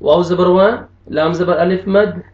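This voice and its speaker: A man teaching Quranic recitation, spelling out each syllable slowly and drawing out the recited words. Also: high voice, steady tone, a little mellow. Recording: echoey, distant, dull lo-fi room sound.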